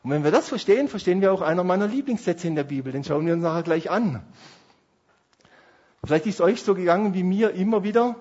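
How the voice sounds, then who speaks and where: Guy preaching, husky kinda high voice, goes quiet then loud, dull lo-fi sound. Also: lively intonation, fast talker. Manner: passionate, swings between hushed and emphatic. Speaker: pastor. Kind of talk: sermon.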